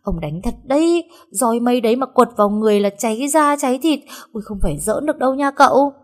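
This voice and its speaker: A woman voicing a cheeky, dramatic young maid girl in a storybook reading, high-pitched and pleading. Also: very animated, a little fast. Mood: frantic wailing.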